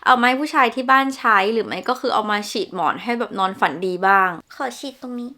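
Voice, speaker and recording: Young woman vlogger, higher voice, gushy chatty perfume talk. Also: quick pace, sharp tone. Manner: chatty, gushing, descriptive, polite particles. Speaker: beauty vlogger. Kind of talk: casual perfume review.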